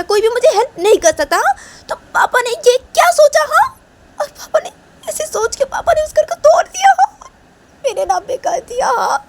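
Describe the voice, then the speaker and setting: A woman voicing Sanju, a young lover who is angry and near tears, asking questions in a high, sobbing voice. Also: mellow, slight background noise, lightly acted.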